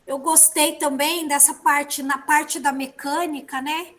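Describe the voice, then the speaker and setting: Woman, Brazilian accent, teacher, high voice, chatty, video call. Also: fairly even intonation, unhurried, a bit bright. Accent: Brazilian Portuguese. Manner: chatty, tag questions, thoughtful. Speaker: teacher, workshop participant. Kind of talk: online workshop discussion.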